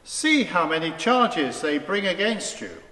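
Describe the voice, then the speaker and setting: A man playing a challenging Roman governor in a forceful, declamatory scripture reading. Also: high-pitched, sing-song, unhurried, exaggerated voice. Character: male accuser and questioning Roman governor. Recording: echoey church, long reverb.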